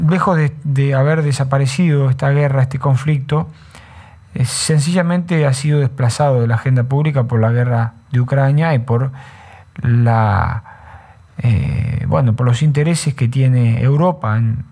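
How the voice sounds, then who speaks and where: A man hosting a radio show, giving unhurried, reflective commentary between songs and often ending thoughts with a tag question. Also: mid-range voice, mellow. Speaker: radio host.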